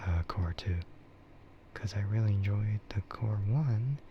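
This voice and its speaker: A man hosts an ASMR livestream in a soft, breathy whisper, rambling casually about games and anime in a meandering way that trails off. His voice sits on the low side and he speaks a little slowly. The sound is muffled and lo-fi, with clear noise.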